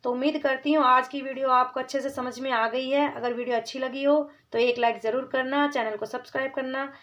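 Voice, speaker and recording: A woman teaching a children's reading lesson, calling the children "beta" and drawing out each word slowly before she repeats it. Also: sits high, steady tone, a bit bright.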